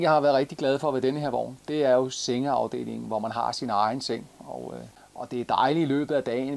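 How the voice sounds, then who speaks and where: A man's voice: medium pitch, vocal fry. A man in his forties with a Jutlandic Danish accent, casually showing a caravan from inside, with many fillers and restarts. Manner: relaxed, many fillers and repeats. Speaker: caravan reviewer. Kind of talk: casual product walkthrough.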